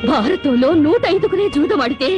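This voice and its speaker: Brief: young wife, very high voice, tearful and scolding, film melodrama, soft score under. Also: female voice, animated, a little fast, over music. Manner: reproachful, tearful, sarcastic. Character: wronged young wife, bitter and grieving. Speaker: film actress. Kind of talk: Telugu film melodrama acting.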